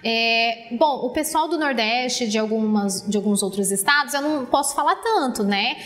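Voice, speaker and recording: A woman's voice: a little high, animated, moderate pace, a bit bright. A woman who teaches English, talking as a guest in a casual interview in a Brazilian accent from the Paraná countryside. She speaks in an encouraging, chatty way and acts out her students' voices. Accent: Paraná countryside Brazilian Portuguese, rolled-back R.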